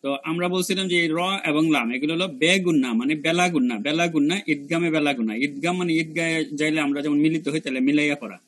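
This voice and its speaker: A man. He repeats each letter sound again and again, drawing it out slowly so learners can follow. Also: on the high side. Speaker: Quran pronunciation teacher. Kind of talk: spoken lesson on letter pronunciation.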